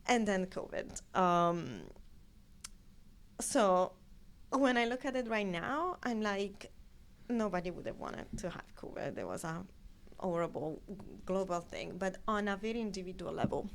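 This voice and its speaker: A guest scientific editor, a woman in her thirties from Italy with an Italian accent, tells stories in a conversational interview and tends to wander off on long tangents. Her medium-pitched voice is animated and unhurried, with slight background noise.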